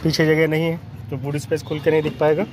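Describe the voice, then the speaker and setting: This used car dealer, a North Indian man with a slightly high voice, presents cars in a walkaround on an outdoor lot, standing beside and inside them. His delivery is completely flat and fast as he lists features in short, matter-of-fact phrases. Street noise surrounds the recording, faint but present.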